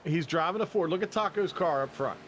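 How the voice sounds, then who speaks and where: A man calling a race in casual play-by-play. He is chatty and jokey, with quick bursts of excitement. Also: fairly high pitch, a little hiss or hum. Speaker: race commentator.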